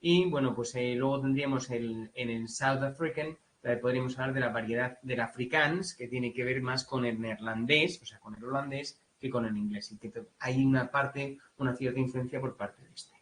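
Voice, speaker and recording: A man with a Spanish accent giving a relaxed exam-prep lecture in Spanish, full of fillers and checks like "right?", now and then imitating English accents. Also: medium pitch, normal speed, hardly any pauses, slight background noise, low-quality recording. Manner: casual, many fillers, mimics English accents. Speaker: teacher.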